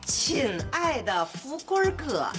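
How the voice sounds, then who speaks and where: An actress playing a feisty, jealous older wife who scolds and mocks loudly. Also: female voice, high voice, sing-song, slow pace, exaggerated voice. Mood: mocking. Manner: loud scolding and mocking. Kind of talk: TV sitcom acting. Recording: TV drama with background music. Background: background music.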